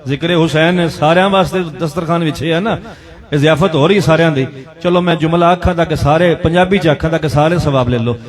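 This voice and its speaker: Punjabi-accented man preaching a majlis. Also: a little high. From Pakistan. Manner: mixes Urdu and Punjabi, dramatic storytelling with chanted calls to the crowd. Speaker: zakir reciting a majlis. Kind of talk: Shia majlis sermon storytelling.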